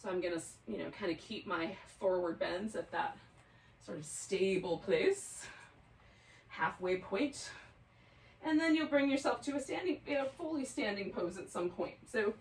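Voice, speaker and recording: A woman leads a yoga class in an easy, chatty manner and laughs often. Her voice sits at an ordinary middle pitch. She is picked up from some distance in an echoey room. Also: brisk, hardly any pauses. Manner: relaxed, chatty, laughs easily. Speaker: yoga instructor. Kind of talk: guided yoga class instruction. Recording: roomy sound, mic at a distance.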